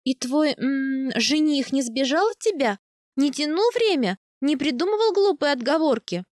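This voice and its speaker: A woman's voice: high-pitched, animated, normal speed, no echo, clean studio sound, voice pushed up. A woman voicing a blunt, hot-tempered young woman warrior who mocks and demands answers. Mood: mocking. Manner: sharp, mocking, demanding.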